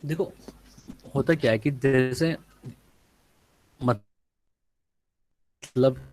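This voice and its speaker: A man's voice: mid-range voice, extremely slow, a little mellow. A man teaching an online biology class, his voice breaking up and cutting out over a loose, crackling connection. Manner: patient, explanatory, asks "है ना?". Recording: dropping out online call audio.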